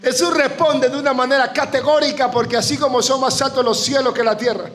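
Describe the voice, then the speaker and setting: High-voiced Panamanian man preaching fervently. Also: steady tone, brisk, faint music behind. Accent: Panamanian Spanish. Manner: fervent, often shouting, rising to emotional peaks. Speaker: guest preacher. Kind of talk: impassioned sermon. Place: church congregation.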